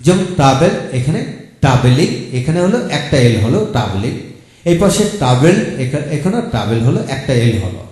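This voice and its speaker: A man's voice: mid-range voice, sing-song, darkish tone. Man teaching with a very echoey sound. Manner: explains step by step, repeating example words slowly. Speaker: English teacher. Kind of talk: video lecture. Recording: very echoey room.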